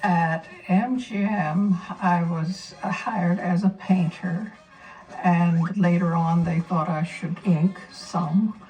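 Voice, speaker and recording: Woman talking real slow about her old studio job, mic far, music under. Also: fairly low pitch, steady tone, a little mellow. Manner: slow, deliberate. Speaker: former studio painter. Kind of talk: reminiscing interview. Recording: distant mic with faint music.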